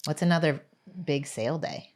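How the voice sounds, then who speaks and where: A woman's voice: low-pitched, very animated, normal speed, darkish tone. A middle-aged woman, co-hosting a podcast and rambling through casual stories. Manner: rambling, self-correcting storyteller. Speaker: podcast co-host. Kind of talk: casual chat.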